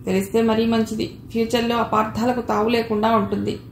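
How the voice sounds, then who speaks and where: A woman voicing an affectionate young man in an audiobook, reading his lines gently and with feeling. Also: fairly high pitch, flat delivery, fairly quick, lightly acted. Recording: echoey room with faint noise.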